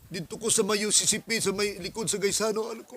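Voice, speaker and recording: A male pastor from the Philippines preaching a sermon as an animated story, acting out dialogues. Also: sits high, fast.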